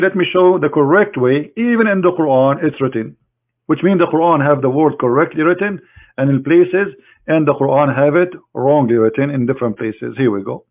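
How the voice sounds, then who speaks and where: Guy, scornful and sarcastic, talks right at the other side, sounds thin like a phone line. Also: fairly high pitch. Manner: scornful, sarcastic, addressing an opponent directly. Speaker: religious critic presenting a screen demonstration. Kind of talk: mocking screen-share lecture.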